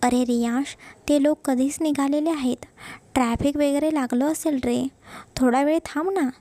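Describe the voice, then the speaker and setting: Woman voicing a soothing old granny, high and gravelly, storybook. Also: steady tone, moderate pace, mellow, no room sound. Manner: soothing, persuasive. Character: gentle older grandmother, patient. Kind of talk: storybook narration.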